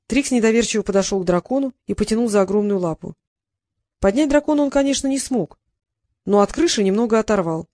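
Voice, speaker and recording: A woman reading a fantasy story aloud in even scripted narration. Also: mid-range voice, fast talker, no room sound, studio quality. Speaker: audiobook narrator.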